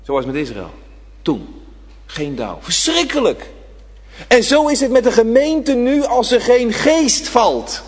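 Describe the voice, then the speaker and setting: Husky preacher in echoing church. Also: male voice, extremely high pitch, very animated, takes it slowly. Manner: dramatic swings between loud and hushed; addresses the congregation directly. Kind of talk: sermon. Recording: reverberant church hall.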